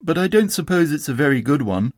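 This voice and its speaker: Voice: medium pitch, sing-song, fairly quick, a little mellow, dry recording, studio quality. A storybook reader voicing an earnest, humble male toy bear with a simple, hesitant manner. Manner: hesitant, simple, well-meaning. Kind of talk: storybook character voice.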